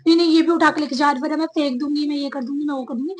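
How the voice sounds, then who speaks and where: A young woman voicing her rude, hot-tempered hostel roommate, who yells and repeats herself. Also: sits high, steady tone, close to an everyday voice. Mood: threatening. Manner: yelling, rapid repeated "no, no".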